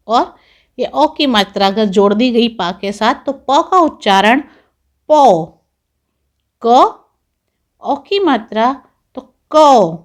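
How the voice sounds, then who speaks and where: A woman teacher giving a slow, patient lesson to young children, pronouncing each sound and word carefully. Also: on the high side.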